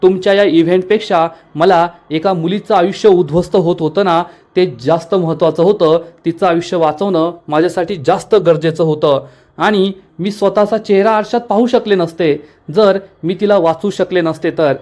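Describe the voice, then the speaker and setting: Earnest young working woman, read by a man, high voice, pleading tone. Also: normal speed, a little mellow, lightly acted. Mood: earnest upset. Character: young woman employee, principled and upset.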